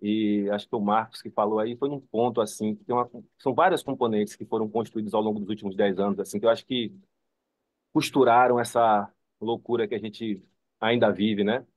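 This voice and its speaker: Speaking a little fast with a fairly low pitch and fairly even intonation, this Bahian Brazilian Portuguese speaker from Salvador, Bahia, is recorded with no room sound. He is a psychoanalysis student taking part in an online seminar, offering an informal, rambling comment.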